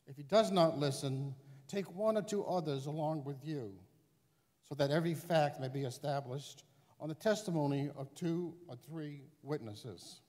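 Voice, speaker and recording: Older male clergy reader, slightly high voice, liturgical scripture reading, long cathedral echo. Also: darkish tone. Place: large church interior. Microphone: gooseneck lectern microphone.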